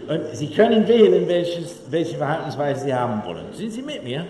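Animated male lecturer in echoey hall. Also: a little high, normal speed, slight background noise. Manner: animated, humorous storyteller addressing audience. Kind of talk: public lecture with anecdotes. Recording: echoey hall, faint room ambience.

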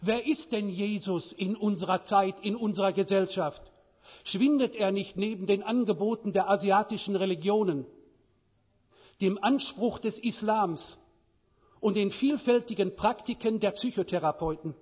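A man preaching a sermon, with a measured delivery and many rhetorical questions. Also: high voice, breathy edge, long reverb tail, muffled recording.

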